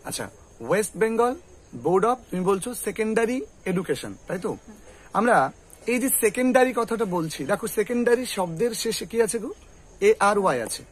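A man's voice: high voice, animated, normal speed, slightly rough. A man teaching English pronunciation, repeating words and quizzing a student. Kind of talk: tutoring lesson with a student.

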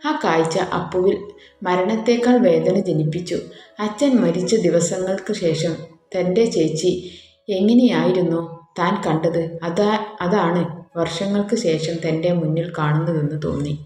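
A woman narrating an emotional family story in a calm, even storytelling manner. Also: fairly low pitch, a little slow. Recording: roomy echo, faint music.

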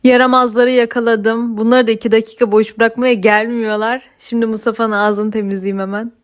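A woman's voice: fairly high pitch, level tone, a little fast. A woman vlogger talking casually to her viewers about her day. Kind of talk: casual vlog narration to viewers.

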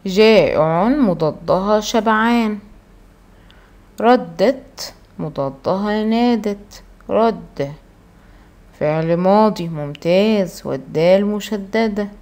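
A woman teacher with an Egyptian Arabic accent, giving a primary school language lesson. She reads each word slowly and drawn out, then explains quickly and asks the pupils questions. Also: mid-range voice, darkish tone. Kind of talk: recorded classroom lesson.

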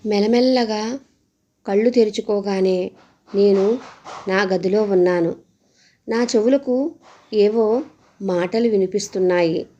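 Woman storyteller, slow and mellow, hushed suspense, first-person horror narration. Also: mid-range voice, dull audio.

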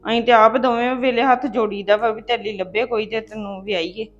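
A sharp-tongued, sarcastic housewife scolds her sister-in-law, played by an actress. Her voice sits a little high, and the recording is dull with faint music underneath. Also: fairly even intonation, fairly quick, close to an everyday voice. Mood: scolding. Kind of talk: comic family drama.

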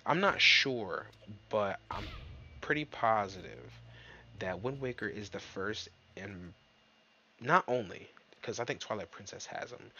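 Guy playing a game and cursing a lot, voice jumps all over, kinda muffled mic w/ light hiss. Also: fairly low pitch. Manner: excitable, swearing, jokey, talks to himself and viewers. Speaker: gaming YouTuber. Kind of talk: casual let's-play commentary. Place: dark room at home.

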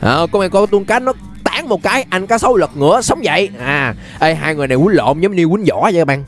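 Faint music plays behind a young adult YouTube host who talks fast in a high-pitched, animated voice with a Southern Vietnamese accent. Recording from an indoor webcam setup, he gives casual, playful, exclamatory gameplay commentary.

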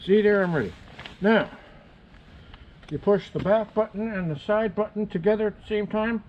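A man's voice: high-pitched, normal speed, highs cut off, slight background noise. A man casually talking through his motorcycle camera setup outdoors, chatting to himself as he fiddles with gear. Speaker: motovlogger.

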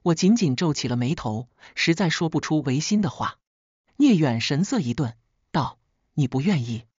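Woman storyteller, scripted first-person narration, breathy voice, dry close sound. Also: low voice, expressive, normal speed, darkish tone, dry recording, highs cut off.

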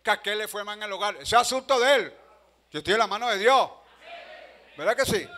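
Impassioned Venezuelan preacher, bright high voice. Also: male voice, animated, fairly quick. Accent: Venezuelan Spanish. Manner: swings from quiet storytelling to loud shouted exhortation. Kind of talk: sermon. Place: church sanctuary.

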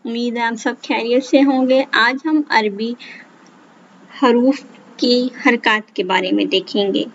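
A woman teacher, patiently giving a step-by-step recitation lesson and repeating each sound deliberately. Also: fairly high pitch, fairly even intonation, slight background noise. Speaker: Quran reading teacher. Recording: dull lo-fi voice-over.

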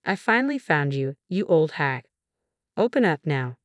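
A furious, abusive grown son who curses at his mother, put on by a woman narrator. He shouts harsh words. The voice sits low, and the sound is dry. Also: big pitch swings, moderate pace, dry recording. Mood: angry. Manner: cursing, shouting.

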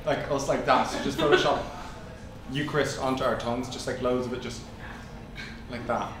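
A man's voice: mid-range voice, steady tone, normal speed. A man in his thirties with a Dublin accent, talking casually. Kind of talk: casual banter. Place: converted rustic room used as a photo studio. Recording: busy room with background chatter.

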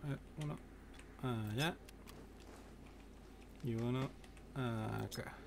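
A man's voice: mid-range voice, drawn-out words, gravelly, background noise. A man with a Chilean accent giving tactical orders as squad leader in casual online game chat.

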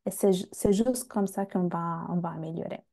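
A young Italian-speaking guest talks with the host in a casual video-call chat from a room at home, her earphone mic picking up a lowish, mellow voice. She goes slowly, hunting for words and starting sentences again.

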